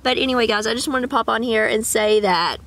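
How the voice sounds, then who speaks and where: Her voice sits on the high side, quick and fairly bright. The young vlogger, sick and coughing, chats casually to a camera at arm's length from her parked car, rambling with sing-song asides.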